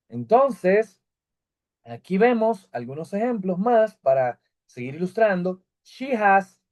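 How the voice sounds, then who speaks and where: A man whose first language is Spanish, explaining an English lesson and reading the English examples slowly and carefully. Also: high voice, a little mellow. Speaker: English teacher. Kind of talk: recorded online English lesson.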